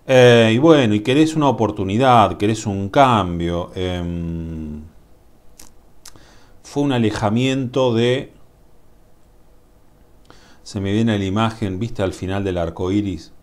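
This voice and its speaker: A man with a Rioplatense Spanish accent reading tarot cards to camera in a musing, drawn-out way, often asking "mm?" to the viewer. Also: low voice, a little mellow. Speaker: tarot reader. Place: indoors at a table. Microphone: camera above the table, speaker off-screen.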